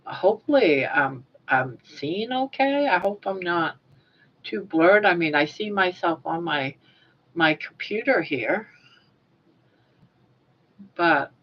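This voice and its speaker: An older woman with soft, toothless articulation from a sore mouth, chatting casually and a little self-consciously on a livestream in a rambling way. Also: lowish voice, lively intonation, takes it slowly, pauses often, slight background noise. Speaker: livestream host. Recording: dull lo-fi webcam or phone audio.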